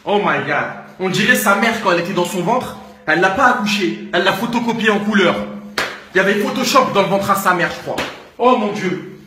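A young man doing a loud comic rant to camera, exasperated and often shouting. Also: high-pitched, fast talker, roomy sound, slight background noise. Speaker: comedian.

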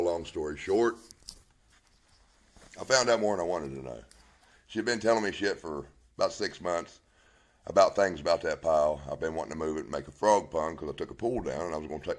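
Blunt, foul-mouthed man telling a story. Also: low voice. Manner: swears constantly, acts out both sides of past conversations. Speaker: man telling his story on a live video. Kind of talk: raw, heavily profane personal account. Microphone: phone held at arm's length.

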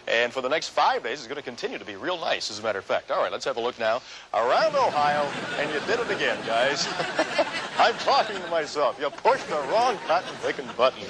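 A middle-aged male weatherman with a fairly high, lively voice, folksy and easily amused. He ad-libs over a noisy old broadcast with loud people behind him. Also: quick pace, a crowd in the background. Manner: folksy, breaking into laughter. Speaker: TV weather presenter. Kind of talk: live ad-libbed weather report. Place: TV studio.

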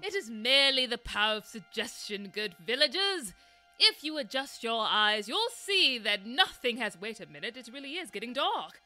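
A woman's voice: fairly high pitch, animated, moderate pace, pushed and bright, faint music behind. A woman voicing a haughty, eccentric detective Holmes in a comedy audio drama, dry, arrogant and prone to giggling. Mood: lecturing.

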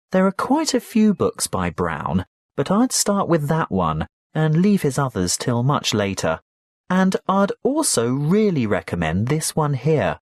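A man playing a helpful university tutor in a scripted educational dialogue, advising clearly and instructively. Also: medium pitch, no echo, studio quality.

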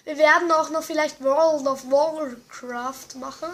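A young gamer giving excited commentary, exclaiming often and muttering to themself. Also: high-pitched, measured pace. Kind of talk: excited let's-play commentary.

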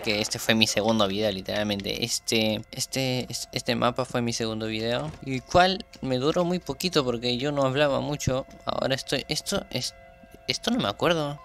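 A man's voice: medium pitch, fairly bright tone. A young man chatting casually while playing a horror game, rambling and restarting his sentences, with trouble pronouncing his R sound. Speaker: gaming YouTuber.

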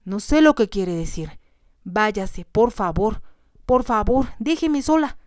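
A woman's voice: sing-song, a little slow, dark tone, dry recording, studio quality. A woman voicing a frightened young lady who pleads with an intruder to leave her room. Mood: frightened pleading. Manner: pleading, shrill and tense.

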